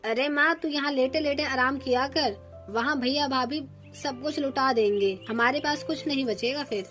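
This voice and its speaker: A woman's voice: sits high, moderate pace, a bit bright, soft background music. A woman voicing a jealous young female crow who complains spitefully to her mother in a cartoon.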